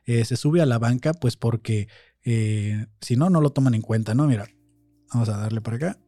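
A man's voice: mid-range voice, normal speed, warm tone, no echo. A man with a Mexican Spanish accent hosting a podcast, chatting in a casual, incredulous way with many fillers while reacting to videos on a close mic. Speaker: podcast host. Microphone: close studio mic.

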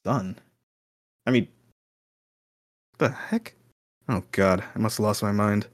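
A man's voice: fairly low pitch, takes it slowly, no room sound, studio quality. Man playing a flustered, sarcastic young adventurer son. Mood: confused, alarmed. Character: rattled, sarcastic son lost and searching for friends. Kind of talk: improvised tabletop role-play.

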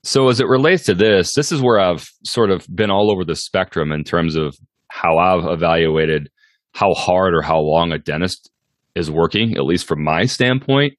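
Man, forties, deep voice, dry recording, casual podcast host, reflective, rambling. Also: moderate pace, dry recording. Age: 40s.

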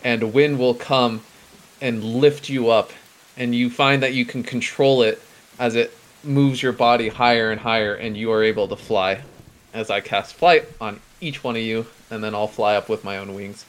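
A man's voice: medium pitch, fairly even intonation, normal speed, rough recording. A man talking casually as a player in a tabletop role-playing game, describing his character's actions.

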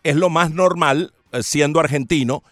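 Man, sports talk panelist, deliberate, hesitant pauses, dry studio mic. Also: a little high, no echo, faint music behind. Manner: measured, deliberate, with frequent hesitations. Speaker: sports commentator.

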